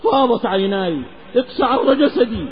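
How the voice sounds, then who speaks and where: A man's voice: very high voice, expressive, moderate pace, husky. A man from the Hijaz preaching a sermon in an impassioned, half-chanted delivery. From Hijaz, Saudi Arabia. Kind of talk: Islamic sermon with a moral tale. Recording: lecture recording with long reverb, slightly dull.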